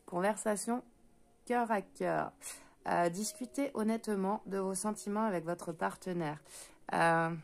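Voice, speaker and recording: A woman with a French accent doing a spoken card reading for viewers. She talks fast, trips over her words and fills pauses with hesitant sounds. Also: mid-range voice, gravelly, soft background music. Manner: talks fast and stumbles, many hesitant fillers. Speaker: intuitive card reader.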